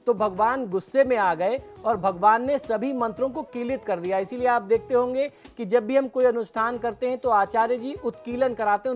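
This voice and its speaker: A middle-aged man, an astrologer guest on a TV program, explaining devotional mantras in a measured way and chanting them slowly. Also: very high-pitched.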